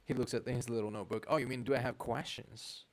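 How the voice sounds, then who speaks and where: A man's voice: mid-range voice, fairly even intonation, fast. A man streaming a video game, playfully reading narration and dialogue aloud. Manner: playful, laughs often, reads lines aloud.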